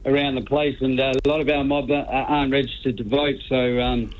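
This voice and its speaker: A man's voice: mid-range voice, level tone, a little fast. A man giving casual, hesitant interview answers as a radio guest, repeating words as he goes. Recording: dull, band-limited radio call-in.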